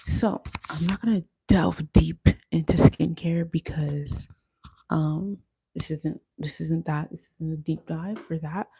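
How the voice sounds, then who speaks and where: A woman's voice: low voice, steady tone, slow, gravelly, mellow, slightly rough, dry recording. A young woman teaching makeup on a casual livestream, chatty and often checking in with "okay?".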